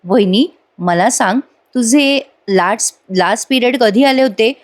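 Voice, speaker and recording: Woman reading a gentle young doctor. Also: on the high side, measured pace, natural voice. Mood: probing. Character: calm young male doctor questioning a patient.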